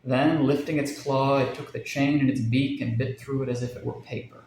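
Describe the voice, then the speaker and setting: A man narrating a dark short story with measured, suspenseful pacing. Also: medium pitch, fairly even intonation, reverberant, slight background noise, poor audio. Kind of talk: dramatic story reading.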